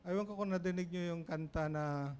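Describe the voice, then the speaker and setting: A man with a Filipino accent preaching a sermon in church, moving between English and Tagalog with dramatic pauses. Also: high voice, darkish tone, smooth. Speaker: pastor.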